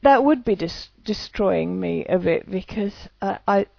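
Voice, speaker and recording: A woman's voice: mid-range voice, expressive, measured pace, creaky, no room sound, dull audio. Hesitant woman talking to camera. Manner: hesitant, many restarts. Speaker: EFT practitioner. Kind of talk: casual talk to camera.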